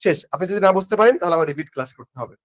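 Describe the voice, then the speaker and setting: A man's voice: sits high, lively intonation, rapid-fire, no room sound. A young man teaching an exam-prep lesson, asking questions and answering them himself in a casual manner. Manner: asks questions and answers them himself, repeating key terms; informal, mixes English words into speech. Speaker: admission test tutor. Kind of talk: online exam-prep lecture.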